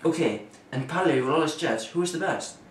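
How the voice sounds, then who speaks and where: A man's voice: on the high side, a little fast, natural voice. A man acting in an amateur comedy sketch as a cocky, competitive contestant. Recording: roomy echo, faint noise.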